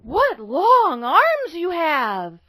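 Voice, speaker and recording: A woman voicing a kind, sweet little girl in a storybook reading, with a bright sing-song lilt. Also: high voice, big pitch swings, unhurried, voice pushed up. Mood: wondering.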